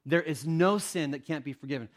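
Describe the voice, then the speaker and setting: Pastor with a slightly high voice. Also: male voice, fairly quick. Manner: conversational, storytelling, frequent restarts. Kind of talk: sermon.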